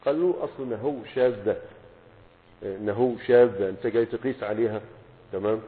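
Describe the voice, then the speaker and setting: Egyptian sheikh teaching a lesson, rapid and slightly husky, tinny recording with long reverb. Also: male voice, on the low side. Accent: Egyptian Arabic. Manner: asks rhetorical questions and checks understanding with "okay?". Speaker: sheikh teaching Arabic morphology. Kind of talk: explanatory lesson, reading and explaining a text.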